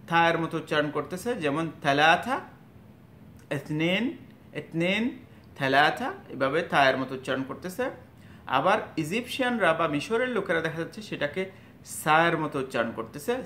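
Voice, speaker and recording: A man giving a spoken lesson on letter sounds, halting and full of fillers, sounding each letter out slowly and loudly. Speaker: Arabic teacher. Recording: echoey room with faint rumble.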